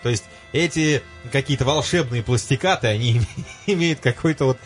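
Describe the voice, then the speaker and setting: Мужчина-радиоведущий непринуждённо беседует в студии, подбирая слова с паузами. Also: male voice, medium pitch, brisk. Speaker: radio host. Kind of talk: casual chat on air. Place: radio studio. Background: music.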